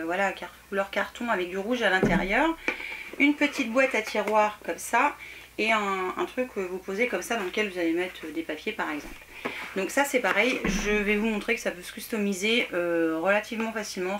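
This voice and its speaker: A woman's voice: medium pitch, background noise. A woman chatting casually to camera about her decor haul, full of hesitations and self-corrections. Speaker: home decor haul vlogger.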